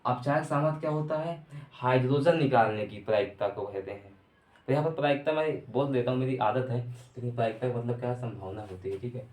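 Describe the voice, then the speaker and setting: A man's voice: medium pitch, a little fast, a little mellow. A man teaching an online chemistry lecture, going over points again and again and asking rhetorical questions with homely examples. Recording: echoey room.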